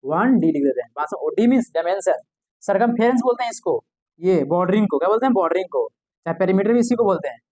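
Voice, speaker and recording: A man's voice: high-pitched, expressive, fast, a little mellow, dry recording. A man teaching an exam-prep math lesson, often asking the class a question and answering it himself.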